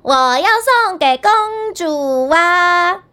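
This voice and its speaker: A carefree young fool from a children's storybook, hollering in a high, bright voice with lively leaps in tone, as a woman storyteller puts him on. He stretches his calls out long and sounds delighted with everything. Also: heavily acted. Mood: gleeful, loud. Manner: shouting gleefully, drawn-out calls. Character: foolish cheerful young man, loud and carefree.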